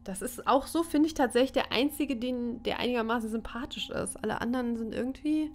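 A woman's voice: a little high, a little fast, darkish tone, a little hiss or hum. A woman giving casual commentary while playing a game, thinking aloud and searching for words. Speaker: let's player.

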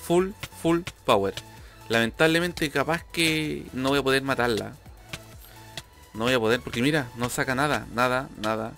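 A young man talks his way through a game, looping back over the same words when he gets frustrated. His voice sits at an ordinary middle pitch. Quiet background music plays beneath him. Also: normal speed, vocal fry. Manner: talkative, repeats himself, frustrated rambling. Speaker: gamer youtuber. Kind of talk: casual gameplay commentary. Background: faint background music.

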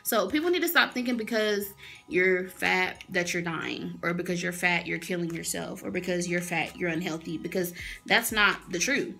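Bright-voiced young woman ranting. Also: lowish voice, moderate pace, vocal fry, soft background music. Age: early 20s. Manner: blunt, fired-up, swears freely. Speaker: vlogger. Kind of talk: casual direct-to-camera rant. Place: small indoor room.

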